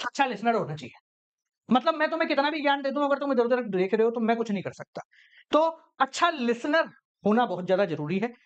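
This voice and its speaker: A man's voice: very high voice, fairly bright tone, muffled recording. A man teaching a class in a casual, chatty way, explaining with everyday examples.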